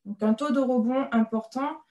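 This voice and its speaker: A woman presenting an online webinar, explaining step by step with frequent hesitant filler pauses. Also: high voice, a little mellow.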